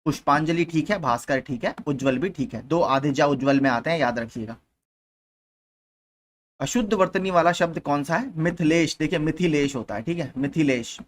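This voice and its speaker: Young guy tutoring exam prep, talks a bit high, keeps repeating stuff and checking you got it. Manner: patient, repeats points, frequent "theek hai" checks. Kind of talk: explaining exam questions.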